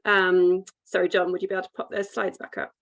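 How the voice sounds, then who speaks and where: Talking fast with a lowish voice, flat delivery, and vocal fry, this British woman presents an online sales webinar with questions. Her manner on the call is courteous and businesslike.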